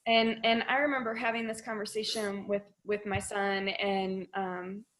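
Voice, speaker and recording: A middle-aged woman hosting an interview, soft-spoken and encouraging, often affirming with quiet mm-hmms. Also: medium pitch, little pitch movement, moderate pace, rough recording. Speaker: interviewer host. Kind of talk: interview conversation.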